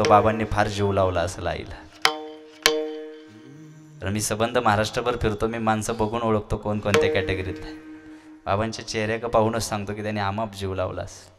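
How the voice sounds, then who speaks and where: A man preaching a devotional kirtan sermon, telling stories and firing off rhetorical questions with sing-song chanting. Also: fairly low pitch.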